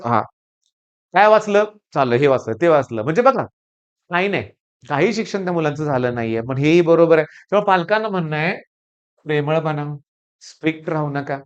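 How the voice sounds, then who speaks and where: A man's voice: high voice, clear, resonant tone. Middle aged guy counselling students, emphatic and blunt, kinda muffled lo-fi recording. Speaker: admission counsellor and tutor. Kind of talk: lecture-style talk to students and parents. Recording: dull lo-fi sound.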